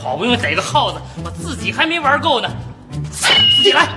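A man's voice: very high voice, sing-song, fairly quick, big-room sound, loud music behind the voice. An actor playing a brash, teasing male constable with a Tianjin accent. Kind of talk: sitcom acting.

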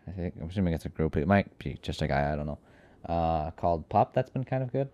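A man with a very low voice chatting on a comedy podcast, rambling and cracking jokes between plenty of ums and uhs. The sound is close and dry, with no room around it. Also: lively intonation, fast, darkish tone, dry recording, dull audio. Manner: rambling, joking, lots of fillers. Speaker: podcast co-host. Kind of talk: casual comedic chat.

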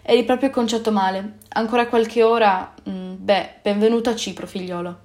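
A woman's voice: medium pitch, fairly even intonation, normal speed, darkish tone, natural voice. A woman voicing a kindly old man in a storybook, fatherly and reassuring. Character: kindly old island man, gentle host.

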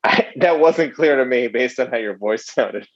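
A man's voice: mid-range voice, moderate pace, slightly rough, muffled recording. A man hosting a casual sports podcast, teasing his co-hosts in a dry way. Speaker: podcast host.

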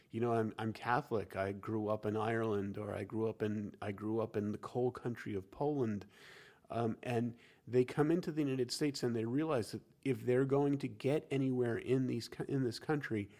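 A man's voice: medium pitch, darkish tone. A man explaining church history in a casual conversational discussion, lecturing with frequent restarts.

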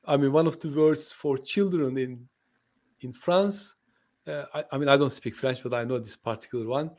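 A man with a medium-pitched voice, speaking at a moderate pace. He is a podcast guest, born in Turkey and a native Turkish speaker who lives in the UK and owns a translation company, and his conversational interview manner is friendly and hesitant, with lots of fillers and restarts.

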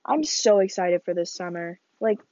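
She's a teenage podcast host rambling casually on her own in a small bedroom, sniffling, coughing, and laughing between thoughts. Her voice runs on the low side yet stays animated at a moderate pace, over dull audio with some background noise.

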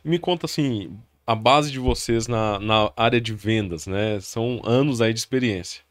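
A man's voice: on the low side, normal speed, no room sound, studio quality. A man hosting a podcast interview, agreeable, chiming in with short affirmations and asking open questions. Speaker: podcast host. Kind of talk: casual interview talk.

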